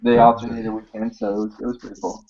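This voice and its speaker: A young man with a lowish voice talks loosely in a casual group hangout. His delivery is slangy and sweary, and the recording is dull and lo-fi. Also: flat delivery, fast talker, mellow, slight background noise.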